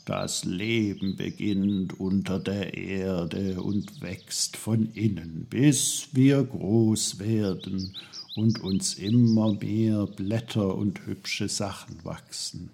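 A man voicing old, wise talking trees that speak slowly and calmly. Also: low voice, vocal fry, a little hiss or hum, full character voice. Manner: slow, calm, murmuring.

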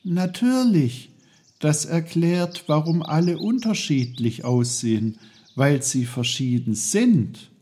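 A man's voice: fairly high pitch, animated, slow pace, dark tone, breathy edge, voice pushed up, full character voice. A man voicing a curious, eager boy who asks many questions.

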